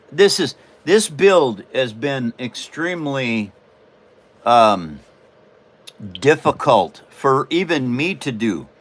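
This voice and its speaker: Speaking at medium pitch with a slightly bright quality, this man from Washington State rambles folksily through a casual livestream. He chuckles frequently while working on a paper model.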